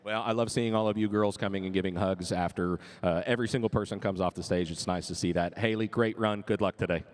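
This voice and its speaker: A man's voice: deep voice, steady tone, fast, hardly any pauses. A man interviewing contestants in a friendly, upbeat, complimentary manner. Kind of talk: casual backstage interview.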